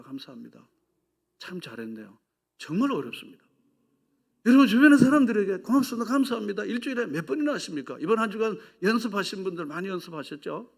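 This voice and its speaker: A man's voice: high-pitched, breathy edge. Emphatic preaching pastor, man. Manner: emphatic preaching, swings from loud exhortation to hushed whispers; asks the congregation questions and leads them in repeating phrases. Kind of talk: sermon. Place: church sanctuary.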